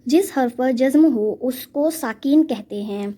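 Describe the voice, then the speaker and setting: A woman's voice: high voice, a little slow, warm tone. A woman teaching a reading lesson step by step, patiently drilling letter sounds and repeating each one.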